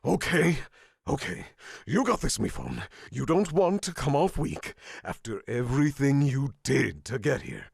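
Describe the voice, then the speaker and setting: An actor voicing an anxious cartoon talking phone in a squeaky, creaky voice, given to dramatic self-pity. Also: male voice, animated, unhurried, no echo, studio quality, exaggerated voice. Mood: nervous self-coaxing. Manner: dramatic, self-pitying outbursts. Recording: music behind.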